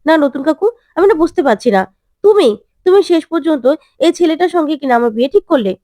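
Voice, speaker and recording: A woman voicing an upset, defiant young woman in a retold TV serial, speaking with indignant, halting restarts. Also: high voice, lively intonation, warm tone, no echo, studio quality, voice pushed up.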